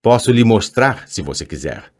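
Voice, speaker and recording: A man's voice: lowish voice, big pitch swings, moderate pace. Casting: man voicing a guarded teen schoolboy, polite and tense, audiobook reading. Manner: respectful, tense. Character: polite, nervous teenage boy student.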